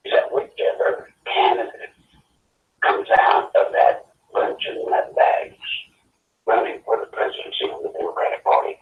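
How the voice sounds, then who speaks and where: A man's voice: lowish voice, recorded from a distance. Man on a tinny speakerphone. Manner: earnest, pleading, urgent. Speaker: guest caller. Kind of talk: casual talk. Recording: tinny phone line on speaker, roomy, faint noise.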